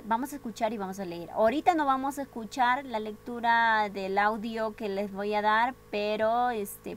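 A woman's voice: fairly high pitch, a bit bright, slight background noise. Bilingual woman teaching English. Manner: switches between Spanish and English, asks pupils questions. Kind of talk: online class for young pupils.

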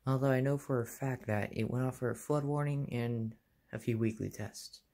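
This young American hobbyist video maker narrates a laid-back show-and-tell in clipped, offhand phrases while holding his phone behind the camera in a small carpeted bedroom. His medium-pitched voice has a dark tone and vocal fry, with fairly even intonation at a moderate pace.

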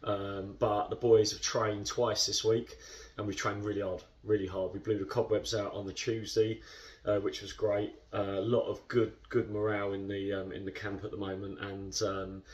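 In an indoor club room, a camera set slightly back records a fairly low-voiced man in his thirties, the captain of a football club, giving a post-match interview. He rambles in a relaxed, measured and chatty way full of fillers, and the audio sounds a bit distant.

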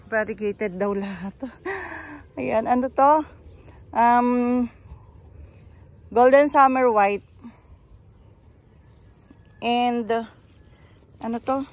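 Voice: mid-range voice, very slow, pauses often. Chatty plant seller touring a garden. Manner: chatty, points out plants one by one. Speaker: bougainvillea seller giving a garden tour. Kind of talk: casual garden walkthrough vlog.

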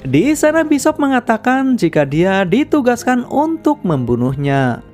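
Woman narrator for a film recap, animated intonation, faint music bed. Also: on the high side, unhurried. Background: background music.

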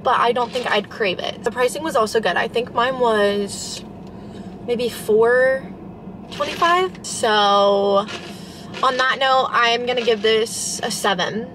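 A woman's voice: a little high, slow pace, background noise. A young woman in her twenties vlogging casually, chatty and upbeat as she rates coffee drinks. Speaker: vlogger reviewing coffee shops. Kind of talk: casual vlog. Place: car and cafes. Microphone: handheld camera or phone close up. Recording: music playing underneath.

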